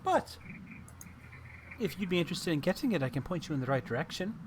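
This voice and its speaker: A man's voice: fairly high pitch, big pitch swings, fast, pitched above the performer's own voice. A man doing an erratic old frog hag. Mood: scheming. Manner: jumps between topics, sweetly polite. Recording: noisy stream audio.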